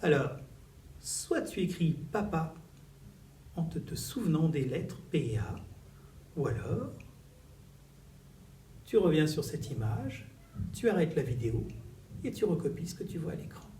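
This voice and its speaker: A man gives a reading lesson to young children, his voice high and lively as it rises and falls in a sing-song way. He speaks slowly and stretches out each syllable. He is recorded in an echoey classroom a little away from the mic, with faint noise behind him. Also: distant mic. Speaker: teacher.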